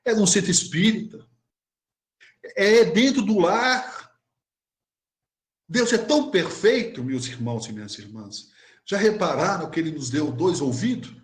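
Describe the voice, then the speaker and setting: A man's voice: high voice, animated, unhurried, long pauses. A man giving a humorous, storytelling spiritist talk to his brothers and sisters. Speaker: spiritist speaker. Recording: echoey room.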